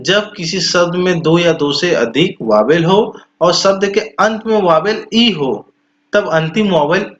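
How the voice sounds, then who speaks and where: A fairly high-voiced man teaches English pronunciation rules in Hindi at a very unhurried pace. He draws out example words slowly and loudly and repeats each point step by step. The sound is dull and lo-fi, with a noticeable room echo. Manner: drawls example words slowly and loudly, explains in repetitive steps. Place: small classroom or institute room.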